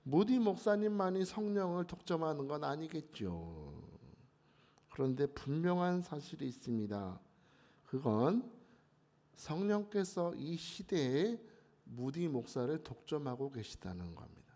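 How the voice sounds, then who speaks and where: A preacher as a calm old pastor. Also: male voice, fairly high pitch, measured pace.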